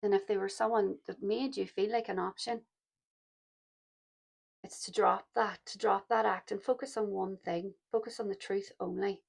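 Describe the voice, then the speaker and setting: A tarot reader gives a pick-a-card reading, speaking softly and reflectively and calling her listeners "my loves." Her croaky, gravelly voice is mid-range, with a steady tone and a moderate pace.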